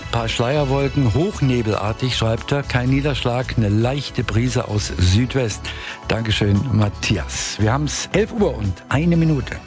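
Male radio presenter, casual and warm-toned chat over a music bed. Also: mid-range voice. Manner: friendly, chatty presenting. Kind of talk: casual radio weather greetings.

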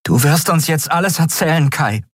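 A man's voice: medium pitch, animated, moderate pace, breathy edge, no room sound, studio quality, pitched above the performer's own voice. A man voicing a stern young woman ship captain who questions a captive in terse, demanding lines. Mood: threatening.

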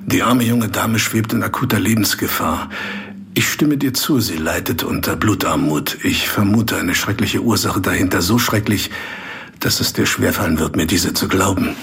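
A wise old professor in a radio drama. His voice sits very low, with a gravelly, husky grain. He speaks with courtly gallantry and grave authority. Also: moderate pace, a bit bright, heavily acted. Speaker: Professor van Helsing. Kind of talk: radio play acting.

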